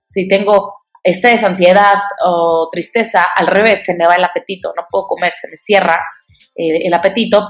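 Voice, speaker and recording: Woman explaining things conversationally. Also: medium pitch. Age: adult mother. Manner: conversational, with fillers and rhetorical questions to listeners. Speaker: parenting and nutrition speaker. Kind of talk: casual explanatory talk.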